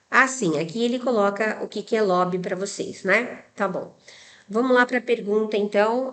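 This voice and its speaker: Brazilian woman, exam prep teacher, patient and didactic, steady mid-range voice, lots of tag questions. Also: mid-range voice. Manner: didactic, many tag questions, spells out rules step by step. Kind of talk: explaining exam answers.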